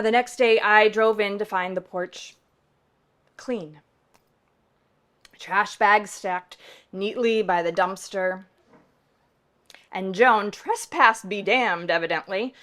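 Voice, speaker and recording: Woman reverend telling a story on stage, chatty and emphatic, keeps asking right?, goes loud then hushed. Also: mid-range voice. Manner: conversational and emphatic, often tagging "right?". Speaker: pastor. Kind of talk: storytelling to a live audience.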